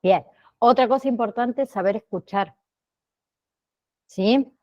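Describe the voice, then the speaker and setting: Woman teacher, slow and steady, keeps asking "¿sí?", bit muffled sound. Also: fairly high pitch. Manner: slow, checks in with frequent "¿sí?" and "¿bien?". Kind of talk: online class lecture.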